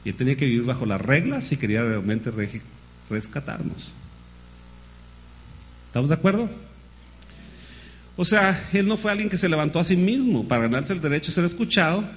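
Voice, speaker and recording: Animated male preacher asking the crowd questions. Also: fairly high pitch, fairly quick, long pauses. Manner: lively, calls listeners "hermano", many rhetorical questions. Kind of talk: sermon.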